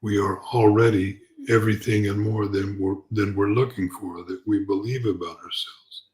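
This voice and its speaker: Low-voiced guy, calm n gentle spiritual teacher, thinks out loud, kinda halting. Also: rough recording. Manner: halting, repeats words as he goes. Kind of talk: unscripted spiritual talk.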